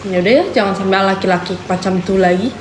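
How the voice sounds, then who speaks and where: A woman's voice: mid-range voice, fairly even intonation, quick pace, over a noisy crowd. A woman on a casual live stream, chiming in with short questions and comments. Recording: echoey room with clear background noise.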